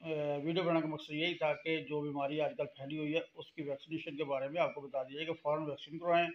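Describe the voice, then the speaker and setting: Middle-aged man, farm vlogger, earnest warnings, monotone delivery, muffled phone audio. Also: fairly high pitch, fast. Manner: earnest, warning, with frequent hesitations. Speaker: farming channel host. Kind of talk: advice vlog to camera. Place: small indoor room. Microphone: phone held close to face.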